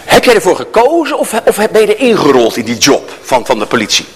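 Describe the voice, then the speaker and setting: A man's voice: on the high side, quick pace. A man giving an interactive workshop talk to a live audience, joking and telling stories as he coaches the room. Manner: animated, joking storyteller who addresses the audience. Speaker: workshop speaker. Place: large hall with an audience. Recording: long hall reverb.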